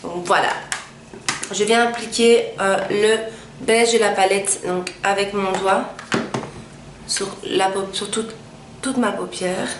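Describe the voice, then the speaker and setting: A woman's voice: medium pitch, fairly even intonation, takes it slowly, long pauses. Chatty young woman, echoey room. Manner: chatty, frequent hesitations, step-by-step explaining. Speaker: makeup tutorial host. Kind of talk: casual makeup tutorial narration. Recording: echoey room with faint ambient noise.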